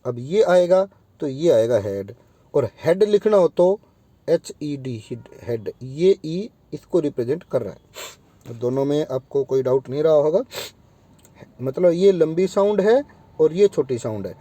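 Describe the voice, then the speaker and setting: A man's voice: fairly high pitch, animated, mellow, dry recording. A male teacher giving a phonetics lesson, repeating example words one by one and checking in with his students as he goes. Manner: slow and deliberate, repeats words aloud for students; addresses students directly, often checks in with "ठीक है".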